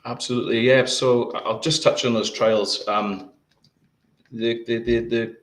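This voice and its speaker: A male guest answering interview questions in a halting way, often repeating words as he explains. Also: mid-range voice, fairly even intonation, echoey room.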